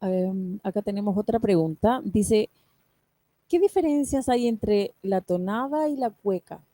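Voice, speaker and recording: A woman's voice: medium pitch, a little slow, dark tone, no echo. A woman moderating a workshop, briefly reading audience questions aloud.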